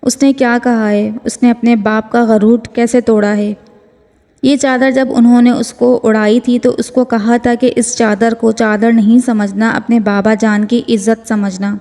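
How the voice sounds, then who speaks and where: A woman's voice: a little high, flat delivery, warm tone. Woman reading a novel, long reverb. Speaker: novel reader. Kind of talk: reading a romance novel aloud.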